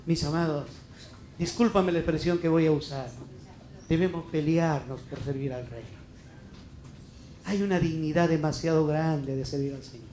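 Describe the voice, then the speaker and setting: A man's voice: a little high, moderate pace, long pauses, warm tone, reverberant, a little hiss or hum. A middle-aged Peruvian man preaching a heartfelt, emphatic sermon as a pastor, full of rhetorical questions. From Peru. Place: church hall.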